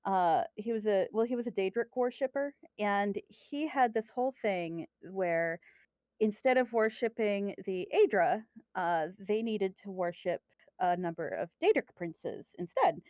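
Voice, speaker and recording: A woman's voice: mid-range voice, unhurried, darkish tone, dry recording. A woman with a Midwestern accent chatting casually on a podcast, rambling and self-deprecating with frequent laughs. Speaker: co-host guest.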